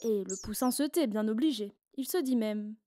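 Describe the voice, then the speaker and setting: A woman reading a children's story aloud in a playful, expressive storyteller manner. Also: fairly high pitch, moderate pace, dry recording, studio quality.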